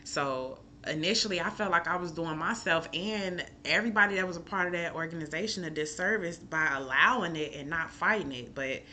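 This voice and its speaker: Bright-voiced, emotional woman from Chicago. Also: lowish voice, brisk, few pauses, slight background noise. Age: adult with a school-age son. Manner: candid, emotional, rambling with many fillers. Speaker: chef and mom. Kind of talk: casual personal vlog talk.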